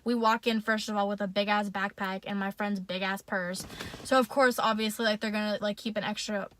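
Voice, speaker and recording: A young woman with a bright, ringing voice tells a personal story to her viewers. She talks in a loose, chatty way, packs her sentences with fillers and swears freely. She addresses the audience directly, the way a casual vlogger does. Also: medium pitch, fairly even intonation, a little fast, slight background noise.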